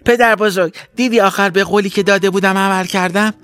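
An eager, affectionate little fish from a children's story, as a male narrator puts it on. The voice sits clearly higher than his own and sounds sweet and heartfelt. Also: steady tone, a bit bright. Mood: proud. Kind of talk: storybook character voice.

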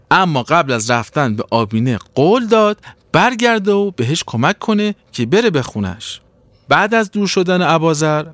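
Male narrator for kids' stories, lively rise and fall, dry close sound. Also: mid-range voice, no echo. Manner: expressive, animated. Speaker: storyteller. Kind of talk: children's story narration.

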